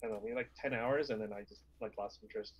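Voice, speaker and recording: A man's voice: lowish voice, fairly even intonation, quick pace, no room sound. A man chatting casually on a stream, rambling and correcting himself as he goes. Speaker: stream co-host. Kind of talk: casual chat. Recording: dull lo-fi stream mic.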